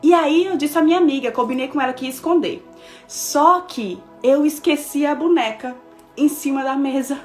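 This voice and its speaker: A woman pastor in her thirties preaching a devotional message, telling a personal story with lively, expressive delivery and speaking straight to her listeners. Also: sits high, moderate pace, faint music behind. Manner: expressive storytelling, acting out dialogue, addressing listeners directly.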